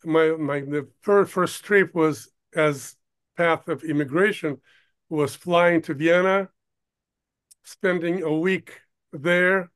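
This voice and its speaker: An older man from Ukraine, a producer, talking as an interview guest in a halting way, stopping often to search for words. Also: fairly high pitch, fairly bright tone, smooth. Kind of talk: casual interview talk.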